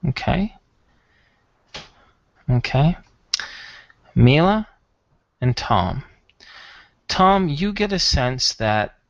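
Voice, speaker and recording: A man's voice: medium pitch, a bit bright, dry recording, highs cut off. A man narrating a tabletop role-playing game as game master in a conversational, improvised way.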